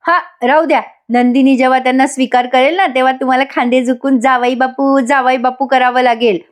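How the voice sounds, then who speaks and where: A woman voicing a witty, sharp-tongued middle-aged mother. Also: high-pitched, steady tone, brisk, natural voice. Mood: needling. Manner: witty, needling.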